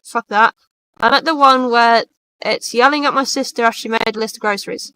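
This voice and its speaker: A woman in her twenties chats bluntly and casually while reading posts aloud on a live stream. Her voice is bright and sits fairly high, and she swears without fuss. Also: brisk, clear, resonant tone. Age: 20s. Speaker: stream co-host.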